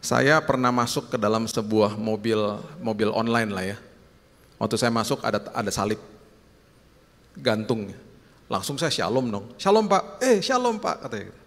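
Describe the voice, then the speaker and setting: A man preaching a sermon as pastor, telling lively stories and acting out the dialogue. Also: lowish voice, moderate pace. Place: church hall. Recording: long reverb in a church hall.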